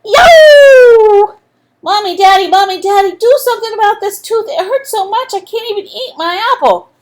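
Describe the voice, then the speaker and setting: A woman voicing a young boy with a painful loose tooth, yelling and pleading. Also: on the high side, sing-song, unhurried. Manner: yelling, whining pleas.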